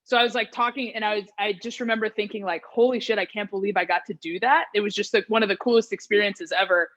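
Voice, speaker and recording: A woman's voice: mid-range voice, steady tone, fast talker, fairly bright tone. A woman guest on a podcast telling a story in casual chat, with many fillers, acting out the quoted lines as she goes. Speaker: podcast guest, hitting coach.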